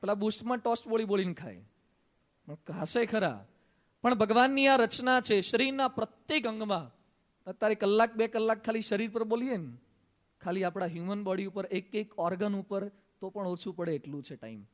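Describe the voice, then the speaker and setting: High-voiced Gujarati monk preaching. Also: male voice, steady tone, fairly quick. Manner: storytelling with quoted dialogue and humor. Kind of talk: sermon. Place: assembly hall.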